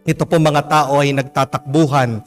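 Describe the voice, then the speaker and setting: Gentle priest telling a homily story. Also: male voice, on the high side, steady tone, moderate pace, faint music behind. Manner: gentle, polite storytelling with frequent respectful particles.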